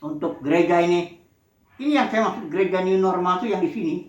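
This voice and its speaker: A woman's voice: on the low side, fast talker. A woman preaching a sermon, telling the story expressively and acting out the quoted cries. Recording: echoey room, dull lo-fi sound.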